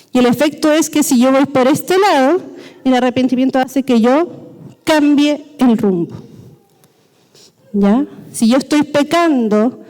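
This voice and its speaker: Lady preaching a sermon, high voice, lots of hall echo. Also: mellow. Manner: explanatory, checking in with the congregation. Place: church hall. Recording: long hall reverb.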